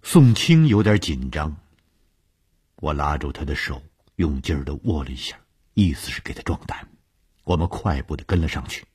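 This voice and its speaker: A man reading a horror story aloud in a measured, suspenseful way. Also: rumbling low, sing-song, darkish tone, husky. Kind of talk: scripted horror narration.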